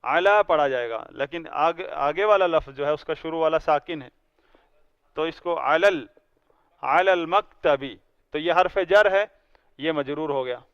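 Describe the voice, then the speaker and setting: A man's voice: fairly high pitch, clean tone, dry recording, highs cut off. A man teaching a language class, patiently explaining each word and having students read aloud. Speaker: Arabic teacher. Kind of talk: classroom grammar lesson.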